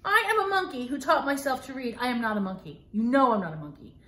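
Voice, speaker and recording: Reading a children's picture book with theatrical flair, a middle-aged woman throws in playful, mock-exasperated comments. She speaks fast in a fairly high, expressive voice with a fairly bright tone. The clip comes from a phone camera a few feet off in her living room, giving it a roomy, homemade sound.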